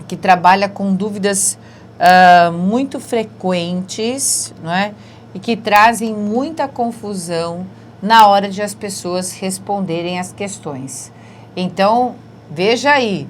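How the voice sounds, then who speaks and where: Brazilian woman, teacher, patient step-by-step explainer, mid pitch, faint background noise. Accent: Brazilian Portuguese. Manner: explains step by step, tags questions with né and certo. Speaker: Portuguese teacher. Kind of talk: exam prep lesson.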